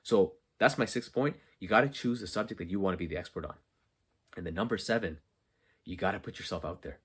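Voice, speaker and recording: A man's voice: low voice, fast talker, a bit bright, breathy edge. A man hosting a solo podcast from an unfinished basement, talking earnestly and emphatically, asking questions and answering them himself. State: just after working out. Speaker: podcast host. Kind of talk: solo motivational podcast talk.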